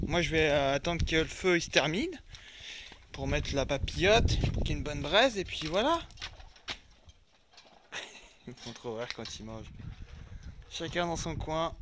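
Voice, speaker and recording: Chatty van-life vlogger man from France, high bright voice, outdoors with faint background noise. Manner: chatty, talks to his dogs and viewers. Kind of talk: casual vlog chat. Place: outdoors by a lake with his van.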